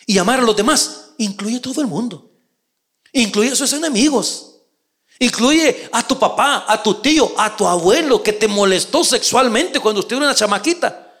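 High, lively-voiced preaching man. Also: normal speed. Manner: preaching with sweeping rises and hushed drops; rhetorical questions and direct address to listeners. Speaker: pastor. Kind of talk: sermon.

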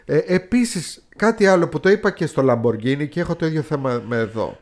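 A man's voice: on the high side, lively intonation, darkish tone. Opinionated man picking films apart. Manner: opinionated, picky critic who mimics actors' accents. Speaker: podcast co-host. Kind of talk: casual film-review chat.

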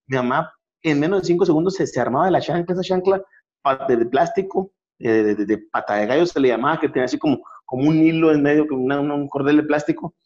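A man's voice: fairly high pitch, quick pace, darkish tone, muffled recording. A middle-aged man with a Mexican accent, telling funny stories in casual chat as show host, with many restarts. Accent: Mexican Spanish. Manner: joking storyteller, many restarts.

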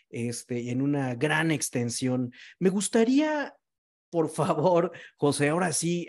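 Male podcast host with lively, swooping intonation. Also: on the high side. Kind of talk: conversational interview hosting.

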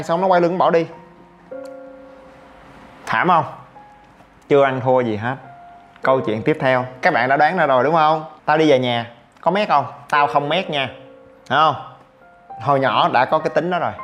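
A man from Vietnam hosting a podcast, telling a story in a lively casual monologue and acting out the voices of the people in it. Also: a little high, normal speed, long pauses, faint music behind. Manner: animated, acts out quoted voices, exclaims often. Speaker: podcast host.

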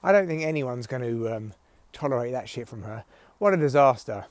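A man's voice: mid-range voice, lively intonation, brisk, no room sound. A man hosting a rambling, opinionated solo comedy podcast, ranting and swearing, recorded outdoors through headphones used as a microphone. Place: outdoors in windy weather. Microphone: headphones used as mic. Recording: recorded through headphone mic, rustly clicks.

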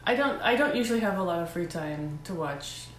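A woman's voice: on the low side, expressive, fairly quick, roomy sound, a little hiss or hum. A woman co-hosting a podcast in casual, conversational chat.

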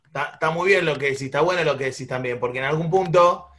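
Rioplatense male teacher, high voice, lively, questions the class. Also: fast talker. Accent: Rioplatense Spanish. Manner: animated, asks the class questions, acts out quarrels. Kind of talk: classroom lesson.

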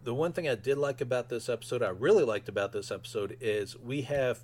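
A man's voice: medium pitch, a little fast, darkish tone. A man casually giving his own fan review as a solo podcast host.

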